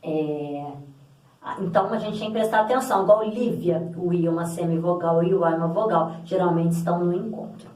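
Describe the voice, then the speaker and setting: A woman's voice: lowish voice, brisk, a little mellow. A woman teaching a grammar lesson, explaining patiently and repeating example words aloud to stress them. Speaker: Portuguese language teacher. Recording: echoey room, voice from a distance.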